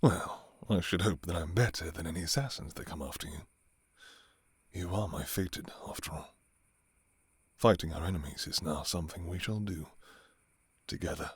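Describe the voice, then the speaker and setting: A man playing a courtly, restrained vampire king in an intimate ASMR role-play, speaking formally and softly with some hesitation. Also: low-pitched, fairly quick, husky, dry recording, clean studio sound. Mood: earnest, admiring. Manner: formal, archaic, hesitant, soft-spoken. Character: courtly adult male vampire king, restrained, yearning for his enemy.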